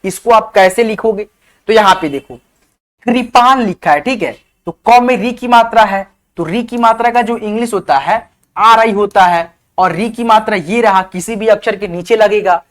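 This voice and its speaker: An online teacher with a high, fairly bright voice leads a beginners' spelling lesson at a moderate pace, sounding out each word letter by letter. He keeps checking in with "theek hai," calls his viewers friends, and asks them to comment.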